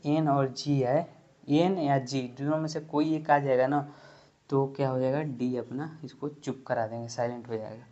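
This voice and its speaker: Male tutor with a Hindi accent, mid-pitched voice, patient step-by-step explainer who repeats words, slightly dull lo-fi audio. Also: darkish tone. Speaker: English pronunciation teacher. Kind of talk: spoken English lesson. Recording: dull lo-fi recording.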